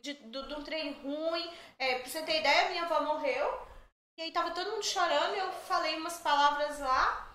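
A woman's voice: sits high, moderate pace. A middle-aged woman telling stories as a podcast guest, chatty and joking. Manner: chatty, jokey, animated storyteller. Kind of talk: casual storytelling chat. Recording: echoey room, faint background noise.

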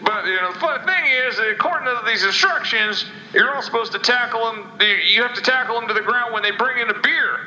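A man's voice: very high voice, fairly quick, sharp tone, reverberant, highs cut off, slight background noise. Give me a man leaving a rambling, joking voicemail over a landline phone. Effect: voicemail played over a landline phone.

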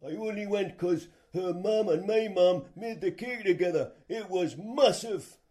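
A man's voice: high-pitched, unhurried, dark tone. A man playing a cheeky man who teases his friend and tells a joking story about his first kiss.

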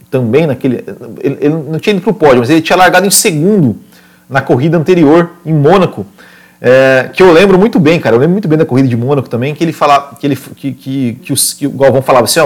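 A Brazilian man with a slightly high voice talks like an informal motorsport commentator. He recounts racing in an animated, spontaneous way, circling back on words and checking in with short tag questions. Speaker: motorsport podcast or stream host. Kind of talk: casual motorsport commentary, retelling a past race.

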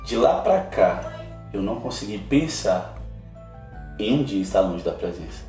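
A man's voice: on the low side, expressive, unhurried, dark tone. A man, a guest missionary sharing an emotional personal testimony in a podcast interview. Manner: earnest, emotional storytelling. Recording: roomy, distant mic, faint music.

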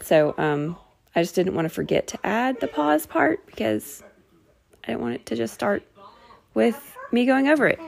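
A woman's voice: medium pitch, creaky, darkish tone. A woman leading an informal self-help workshop, rambling as she thinks aloud. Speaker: workshop presenter.

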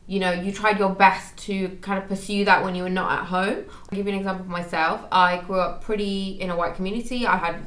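A woman's voice: medium pitch, fairly bright tone. Chatty young woman in an echoey room. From Manchester, England. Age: young adult. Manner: chatty, laughs easily, self-mocking. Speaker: podcast host. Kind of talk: casual conversation.

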